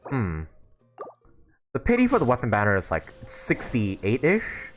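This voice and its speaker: This livestream host has a mid-range male voice with huge swings in pitch, and he takes his time, speaking unhurriedly. He rambles and thinks aloud while chatting to his viewers during a casual gaming session, with game music in the background.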